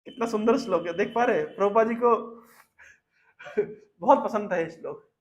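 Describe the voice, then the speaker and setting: A man giving a devotional discourse in Hindi, explaining a Sanskrit verse by asking and answering his own questions, and chanting it slowly for listeners to repeat. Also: sits high, lo-fi sound. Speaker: Vaishnava preacher.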